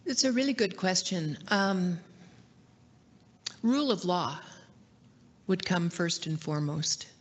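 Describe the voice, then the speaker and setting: A Canadian woman executive giving a formal meeting address and answering shareholder questions in a measured, gracious way. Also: on the low side. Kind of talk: formal speech, then live Q&A. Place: meeting hall.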